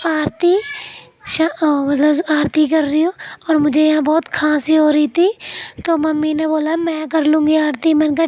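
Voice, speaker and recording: Hoarse young woman, high voice, chatty vlog narration. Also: warm tone, dry recording. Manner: chatty, talking to viewers as friends. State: hoarse from a cough. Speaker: family vlogger. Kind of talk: casual vlog voice-over.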